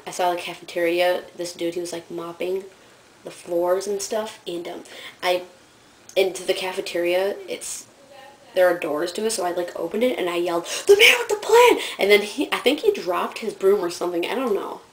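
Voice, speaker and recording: A woman's voice: lowish voice, fairly even intonation, moderate pace, low-quality recording. A teenage girl telling rambling stories about school in a casual vlog, giggling and filling her talk with fillers. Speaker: student vlogger.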